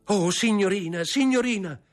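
A man's voice: on the low side, expressive, fairly quick, soft background music. A man voicing a desperate young nobleman who pleads and begs in an impassioned voice, in an audiobook reading of a novel. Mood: frantic.

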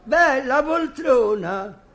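Renatino, a cheeky squeaky boy. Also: lively intonation, drawn-out words, a bit bright, slight background noise, exaggerated voice. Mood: mock-tragic. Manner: drawling, whiny, mock-melodramatic. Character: cheeky mischievous little boy, whiny and wisecracking. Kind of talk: vintage radio comedy sketch.

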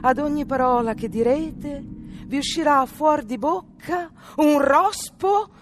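A stern, composed fairy from a storybook, voiced by a woman reader. She speaks slowly and evenly, somewhat higher than a plain voice. Her words land with calm authority. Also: a little hiss or hum. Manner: composed, measured.

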